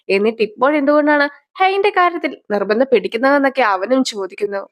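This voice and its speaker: A woman retelling a drama's story as a voice-over narrator, quoting the characters' lines in her own voice. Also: high voice.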